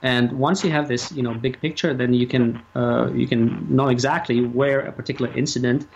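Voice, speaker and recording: A man giving opinions as a radio interview guest, speaking haltingly and emphatically and repeating his phrases. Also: mid-range voice, fairly even intonation, gravelly. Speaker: talk show guest and activist. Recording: muffled lo-fi audio, faint noise.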